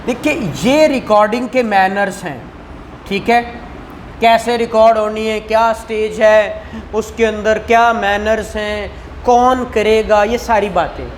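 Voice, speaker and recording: A man with a Pakistani Punjabi accent delivers a didactic law lecture in a classroom, repeating points, questioning students and code-switching into English terms. His voice sits high with a steady tone and a measured pace, and there is slight background noise.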